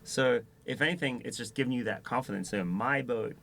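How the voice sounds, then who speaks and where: A man co-hosting a podcast who talks quickly at a middle pitch. He chats easily with the others and chimes in often to agree. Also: gravelly, fairly bright tone. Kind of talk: casual podcast chat.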